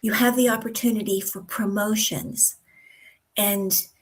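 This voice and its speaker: An American woman coaching pronunciation, speaking deliberately and drawing out example words with careful articulation. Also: mid-range voice, fairly even intonation, rough recording. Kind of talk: instructional talk to camera.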